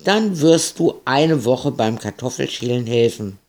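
A man's voice: mid-range voice, expressive, unhurried, a little mellow. A man voicing a stern, impatient farm woman who scolds in a grumpy tone.

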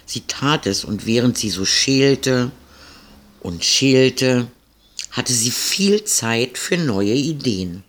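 A man telling a children's story in a slow, gentle storytelling manner. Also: mid-range voice, animated.

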